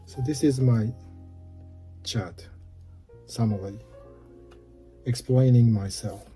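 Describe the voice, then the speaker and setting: Slow, dark-voiced Japanese man in his fifties. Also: mid-range voice, faint music behind. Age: 50s. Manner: slow, hesitant, worried. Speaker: office worker vlogger. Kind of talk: personal vlog. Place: small indoor room.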